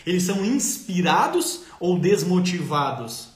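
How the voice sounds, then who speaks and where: A man with a Brazilian Portuguese accent giving a motivational live-stream talk on parenting, animated and colloquial, addressing listeners directly. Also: sits high, measured pace. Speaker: parenting speaker. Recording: roomy echo.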